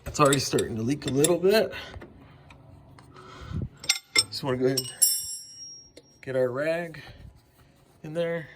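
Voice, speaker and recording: Relaxed man talking through garage work. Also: a little high, a little slow, pauses often, noisy background. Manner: relaxed, step-by-step, frequent fillers. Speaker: car DIY video host. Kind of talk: casual how-to narration while working. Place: home garage workshop.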